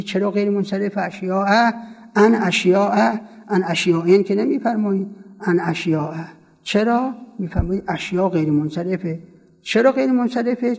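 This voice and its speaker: High gravelly man teaching in a hall. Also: a little mellow. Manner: quizzes students with quick questions and repeats forms for them. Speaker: seminary teacher. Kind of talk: classroom lecture on Arabic grammar. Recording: long reverb from a hall.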